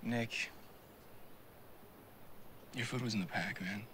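A man's voice: lowish voice, takes it slowly, sharp tone, a little hiss or hum. An actor playing a level-headed young male hiker in a film, firm and reassuring, talking outdoors in the woods. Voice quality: firm, reassuring, scolds bluntly. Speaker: hiker keeping the group calm. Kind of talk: film acting.

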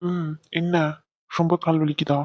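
Woman voicing a gruff young husband. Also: sits low, level tone, a little slow, a little mellow, no room sound. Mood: brusque. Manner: brusque, comforting. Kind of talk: cartoon voice acting.

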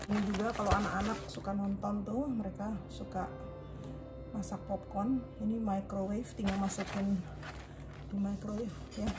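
A woman's voice: mid-range voice, flat delivery, moderate pace. A woman in her thirties chatting casually in her home kitchen as she unpacks groceries, often searching for words and mixing in English terms, recorded on a phone camera. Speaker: vlogger. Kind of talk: casual grocery unboxing vlog. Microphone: phone camera at arm's length. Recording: loud music under the voice. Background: loud background music and crinkling bags.

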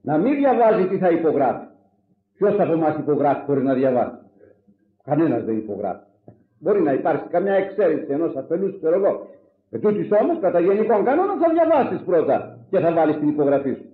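Animated preacher man in an echoey lo-fi recording. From Greece. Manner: animated, rhetorical, switching between loud exclamations and low asides. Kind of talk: sermon.

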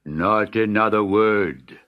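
A man voicing a grand male sultan who speaks slowly and lordly, for a storybook reading. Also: muffled recording. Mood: commanding. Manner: slow, booming and lordly. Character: grand, slow-spoken male sultan, booming.

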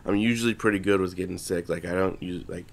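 Congested young man with a low voice. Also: fairly even intonation, fast talker, vocal fry. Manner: casual, swears freely, rambling with restarts. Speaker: podcast co-host. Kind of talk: casual chat.

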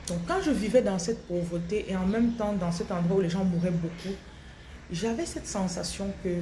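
A woman in her thirties with a Cameroonian French accent speaks straight into a phone held close, in a small tiled room. Her voice sits at a medium pitch, and she talks slowly and reflectively, often restarting her sentences as she gives a spiritual talk to her followers. A faint hum of room ambience sits behind her. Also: dark tone. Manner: slow and thoughtful, with frequent restarts. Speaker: spiritual coach. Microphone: phone held close at arm's length.

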